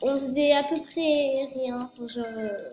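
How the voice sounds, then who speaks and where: Speaking slowly in a high-pitched, warm woman's voice, a French girl in her early teens rambles through a casual YouTube vlog, full of fillers and self-corrections, her nose congested from a cold. Soft music plays in the background, and the room is echoey with faint noise.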